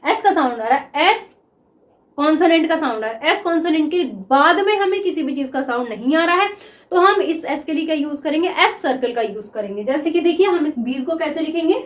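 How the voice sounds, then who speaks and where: A high-pitched woman gives a classroom lesson, drawing out example words as she writes them and checking in with her students again and again. The room rings with a noticeable echo. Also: lively intonation. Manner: repeats words slowly while writing, asks 'clear?' often. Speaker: shorthand teacher.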